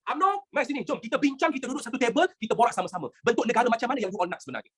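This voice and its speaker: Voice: medium pitch, lively intonation, racing, fairly bright tone, husky. A teacher with a Malaysian accent voicing a British colonial official who coaxingly invites rulers to talks.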